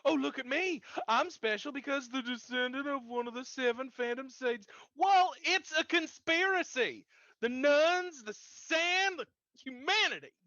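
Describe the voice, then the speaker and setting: Someone acting a high, overwrought, jilted ancient hero. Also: animated, measured pace, sharp tone, no room sound, lo-fi sound, exaggerated voice. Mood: indignant. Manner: overwrought, declamatory, lamenting. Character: melodramatic, wounded ancient hero, jilted and self-pitying lover.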